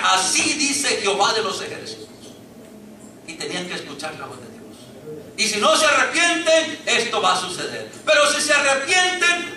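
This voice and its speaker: A male preacher delivers an impassioned sermon with a very high, sharp, ringing voice. He is recorded from some distance, and the church room adds a roomy echo with faint noise behind him. He keeps calling out to his listeners as he preaches. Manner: impassioned preaching, often addressing the congregation as brother. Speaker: pastor. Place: church hall. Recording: echoey church, mic at a distance.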